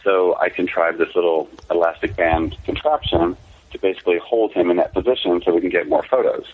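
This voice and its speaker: A man's voice: low voice, fairly even intonation, fairly quick. A man, a company founder, telling candid, rambling anecdotes in a casual interview over the phone. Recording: tinny phone line.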